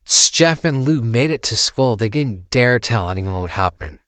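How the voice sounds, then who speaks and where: A man's voice: mid-range voice, expressive, measured pace, a bit bright, no echo. A man narrating a horror story, reading it aloud as a storyteller.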